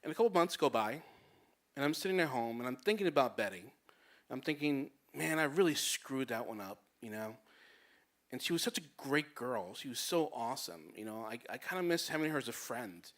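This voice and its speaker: A young man telling a personal story on stage, animated and acting out the people he quotes. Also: fairly quick. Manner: animated, acts out quotes with big pitch jumps.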